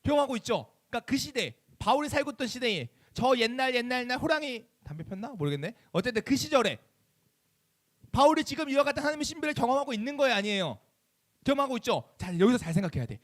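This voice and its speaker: A man preaching a youth sermon in a church chapel, animated and keeps asking the audience questions. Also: extremely high pitch, fast talker. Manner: animated, asks the audience many questions and acts out quoted voices. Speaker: youth pastor.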